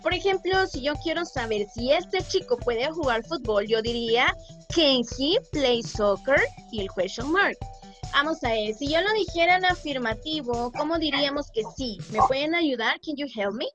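Patient female primary teacher on a video call, high voice, music behind. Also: lively intonation, normal speed, fairly bright tone. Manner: patient, switches between English and Spanish, calls pupils "mi amor". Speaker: primary school English teacher. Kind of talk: online class explanation.

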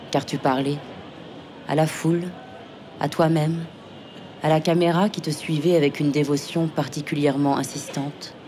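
A woman reading a literary, poetic text in a measured, deliberate way. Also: low-pitched, background noise. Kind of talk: poetic narration.

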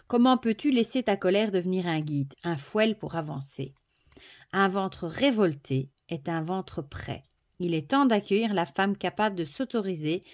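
A woman presenting an oracle card deck, softly admiring each card and then reading the booklet text aloud. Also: medium pitch.

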